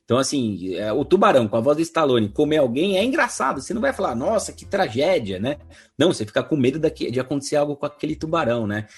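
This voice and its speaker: A man with a Brazilian Portuguese accent, co-hosting a film podcast in an excited, slangy casual chat. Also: mid-range voice, fast, breathy edge. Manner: enthusiastic, lots of "cara" and "né". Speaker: podcast co-host.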